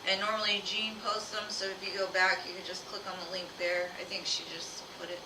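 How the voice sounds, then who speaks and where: A woman's voice: mid-range voice, level tone, brisk. A woman talking informally and familiarly to viewers as the host of a live reading stream. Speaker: live tarot reader and host. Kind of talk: casual livestream chat. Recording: roomy, distant mic, clear background noise.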